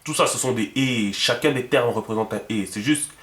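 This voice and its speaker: A man's voice: medium pitch, moderate pace, a bit bright. A man teaching a lesson, patient and checking often that the viewer follows. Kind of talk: instructional video lesson. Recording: echoey room.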